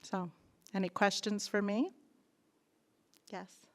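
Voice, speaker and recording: A woman's voice: medium pitch, fairly even intonation, slow pace. A woman presenting a report on school meals to a school board and taking questions, in a conversational tone. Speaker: school food service director.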